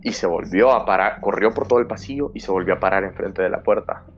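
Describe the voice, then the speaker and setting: A man's voice: deep voice, quick pace, lo-fi sound, faint music behind. A male podcast host tells a personal scary story dramatically, acting out his frightened younger self. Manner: dramatic storyteller who acts out his own fearful past self.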